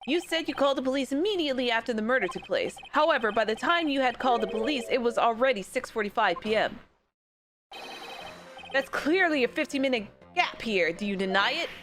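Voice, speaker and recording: A woman with a fairly high voice reads video game courtroom dialogue aloud. Her acting is amateurish and overdone, deliberately bad, and she stumbles over words. Music plays faintly behind her. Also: expressive, fairly bright tone. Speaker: let's player reading game dialogue aloud.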